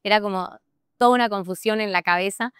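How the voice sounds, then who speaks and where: A young Bolivian woman with a Santa Cruz accent, a podcast guest telling a personal story in an animated way and laughing often. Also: mid-range voice, a little fast, smooth, no room sound, studio quality. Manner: animated, laughs often, acts out her own past thoughts. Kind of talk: personal storytelling in a casual interview.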